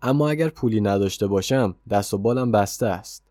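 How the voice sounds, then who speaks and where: A man's voice: fairly low pitch, darkish tone, no room sound, clean studio sound, lightly acted. A man reading the part of a hesitant, bewildered young man who has gone broke, in an audiobook story. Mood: unsure. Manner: hesitant and unsure.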